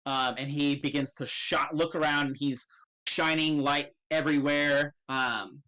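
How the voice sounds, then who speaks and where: A man acting as game master, improvising narration in a casual, halting way and swearing freely. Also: on the high side, fairly even intonation, sharp tone, clean tone, rough recording.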